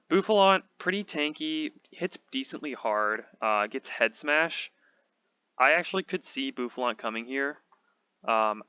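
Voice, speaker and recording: A man with a slightly hoarse voice, casually thinking aloud as he talks through a game team build. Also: medium pitch, sharp tone, no room sound, lo-fi sound. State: slightly hoarse, losing his voice. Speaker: competitive Pokemon channel host.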